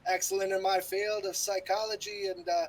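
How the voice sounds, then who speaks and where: A man plays a self-important young preppy heir in a tabletop game. He speaks in an affected old Hollywood Mid-Atlantic accent, fairly high, over faint background noise. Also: level tone, moderate pace, lightly acted, poor audio. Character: privileged young preppy male polo champion and psychology student. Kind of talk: old-timey Hollywood newsreel manner of speaking.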